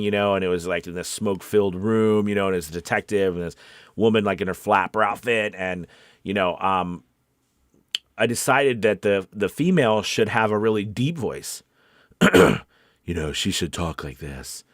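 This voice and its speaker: A voice-over coach with a lowish voice runs an informal live coaching session, speaking encouragingly in a loose, rambling, conversational way. The recording is studio quality with no echo.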